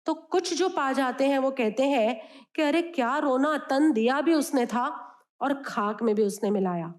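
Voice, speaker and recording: Woman spiritual teacher, high voice, expressive, explaining scripture to students. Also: a little slow. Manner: expressive, mixes Hindi with English phrases. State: sore throat.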